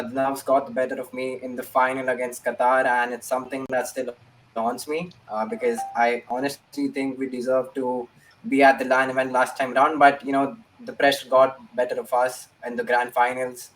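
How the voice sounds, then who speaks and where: A man's voice: mid-range voice, level tone, moderate pace, a bit bright, a little hiss or hum. A young man, answering interview questions about his matches in an earnest way and repeating his key phrases. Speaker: esports player. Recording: voice distant from the mic.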